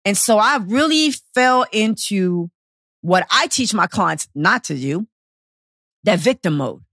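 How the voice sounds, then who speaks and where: A woman's voice: medium pitch, lively intonation, takes it slowly, fairly bright tone, no echo, clean studio sound. A woman in her thirties, a personal trainer hosting a podcast, telling a personal story in a blunt, profane, emotional way. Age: 30s.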